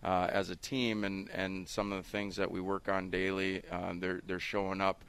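A man in his thirties, a high school hockey coach, explaining earnestly in a radio interview, his voice muffled by a face mask. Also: level tone, normal speed, fairly bright tone, clear, resonant tone. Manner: earnest, explanatory, frequent "you know".

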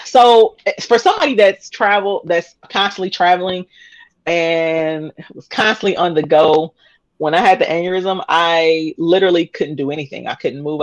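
A woman's voice: low-pitched, no room sound, highs cut off. A woman in her thirties, a podcast guest telling her story candidly, rambling with many fillers and restarts and laughing often. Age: 30s.

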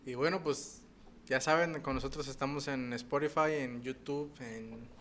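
A man with a Mexican accent hosting a casual podcast, relaxed and joking, swearing casually. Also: medium pitch, a little slow, slight background noise. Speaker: podcast host.

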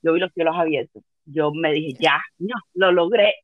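A woman's voice: low voice, normal speed, no room sound, phone-quality sound. A woman with a Cuban accent telling a funny personal story in a dramatic, self-mocking way. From Cuba. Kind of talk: comic storytelling chat.

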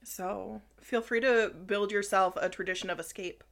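This woman in her thirties co-hosts a podcast, chatting casually and relaxedly with plenty of fillers. Her mid-range voice carries vocal fry at a moderate pace, and at times she drops almost to a whisper.

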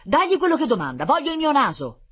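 A storyteller voicing a panicked gentleman who has lost his nose, crying out in high, shrill shouts. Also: huge pitch swings, normal speed, vocal fry, slightly rough, exaggerated voice. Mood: frantic.

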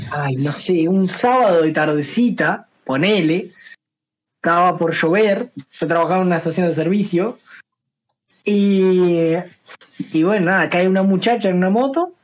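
Hombre uruguayo contando anécdotas relajado. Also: male voice, high voice, a little slow. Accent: Uruguayan Spanish. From San José, Uruguay. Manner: relaxed storyteller, slangy, repeats phrases. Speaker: guest, singer and streamer. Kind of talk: casual chat, telling anecdotes.

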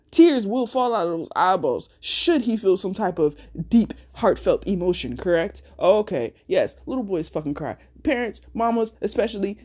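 A woman's voice: fairly low pitch, darkish tone, slightly rough. A woman hosting a casual solo podcast, speaking bluntly and cursing a lot as she tells a story with speech. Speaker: podcast host.

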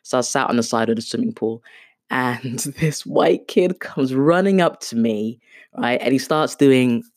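A rumbling low, creaky voice, a little mellow, comes through a studio-quality recording with no room sound. The speaker is a woman in her thirties, born in Kenya and a first-language Swahili speaker, hosting a podcast where she rambles casually and unplanned, chatty and self-deprecating, with many fillers.

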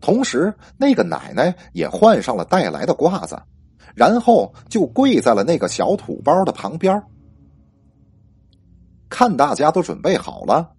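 Husky male ghost-story narrator. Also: a little high, no echo. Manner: lively spoken storytelling.

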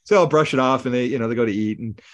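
A man co-hosting a podcast, retelling old comedy sketches in an animated way and acting out lines with gasps and laughs. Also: medium pitch, racing. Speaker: podcast co-host. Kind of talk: casual chat recapping old comedy sketches.

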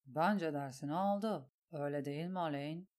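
A woman voicing a calm, scheming lord who speaks in a low, soothing, measured way in a storybook reading. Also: natural voice. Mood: smooth. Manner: soothing, measured, quietly manipulative.

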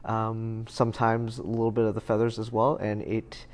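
A man's voice: on the low side, completely flat delivery, moderate pace. A man in his thirties, a guest in a casual conversation, talking in a rambling way with many fillers and restarts. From United States. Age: 30s.

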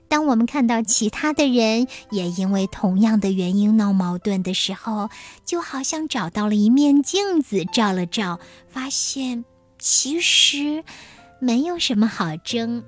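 A woman telling stories to young children, explaining things gently like a kindergarten teacher. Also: mid-range voice. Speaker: children's storyteller. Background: music.

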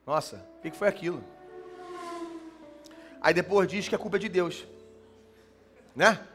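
A man preaching a sermon as a pastor, animated, swinging from loud emphatic lines to soft, slow ones. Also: high-pitched, soft background music.

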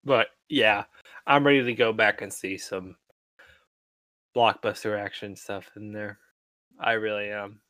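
A man's voice: lowish voice, steady tone, unhurried, long pauses, sharp tone, no echo. A man co-hosting a podcast, talking in an easygoing way with dry jokes. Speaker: podcast co-host. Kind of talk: casual chat.

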